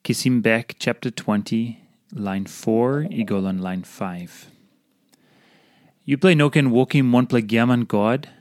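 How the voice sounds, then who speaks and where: A man speaks in a devotional style, reading scripture and expounding on it. His voice sits at an average male pitch. The sound is dry, with little room around it. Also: slow, darkish tone, no echo.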